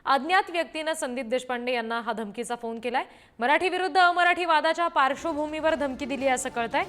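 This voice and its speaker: A woman's voice: sits high, brisk, a bit bright. A woman presenting live news as an anchor, introducing reports and clips. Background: news music.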